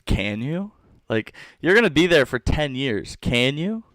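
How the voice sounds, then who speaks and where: Smooth, dry-voiced young male co-host. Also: medium pitch, sing-song, unhurried, a bit bright, dry recording. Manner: laid-back, jokey, slangy. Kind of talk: casual sports chat.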